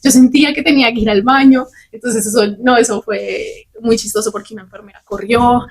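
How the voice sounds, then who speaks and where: A young adult woman, a podcast host telling a personal story candidly and with animation. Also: a little high. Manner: candid, fast and animated, swears casually.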